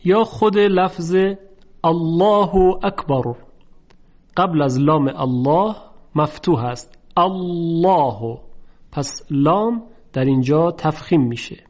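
Male recitation teacher, measured and methodical, drawn-out chanted examples, somewhat higher voice, muffled lo-fi sound. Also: animated, a little mellow. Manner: slow, careful, repeats example words in drawn-out chanting. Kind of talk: tajweed lesson. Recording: dull lo-fi recording.

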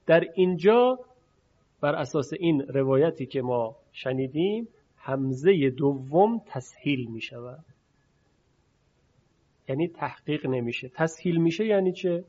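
A man leads a recitation lesson, explaining rules patiently and stretching out sounds to show them. His voice sits a little high. The recording is dull and lo-fi. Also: animated, dark tone. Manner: patient, demonstrating sounds slowly and repeating them. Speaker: Quran recitation teacher.

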